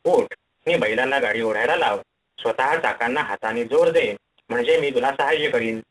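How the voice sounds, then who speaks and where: A man reading the lines of a stern god who scolds a lazy cart driver, in a quick, scolding storybook voice. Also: mid-range voice, a bit bright, distant mic, natural voice, rough recording.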